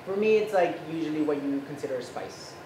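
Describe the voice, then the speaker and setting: A man in his thirties, born in Ecuador, explaining a recipe as a chef in a relaxed, explanatory way with many fillers, recorded by a far camera in a home kitchen. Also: on the high side, fast talker. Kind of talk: cooking demonstration chat. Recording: echoey kitchen with background noise.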